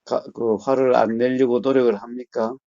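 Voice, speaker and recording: A man who teaches meditation, counseling a caller calmly and steadily, often murmuring short assents. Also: mid-range voice, moderate pace, no echo, lo-fi sound. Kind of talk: phone counseling talk.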